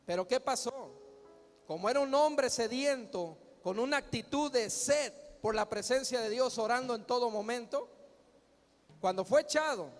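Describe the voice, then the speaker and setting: A man's voice: very high voice, moderate pace. A man preaching a sermon as pastor, emphatic, firing rhetorical questions and calling the crowd to answer. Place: large church hall. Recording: long hall reverb with faint music.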